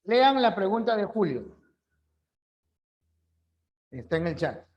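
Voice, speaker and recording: Slow, methodical male language teacher. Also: high-pitched, big pitch swings, muffled recording. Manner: repeats key rules, checks understanding with short questions. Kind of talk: online class lecture.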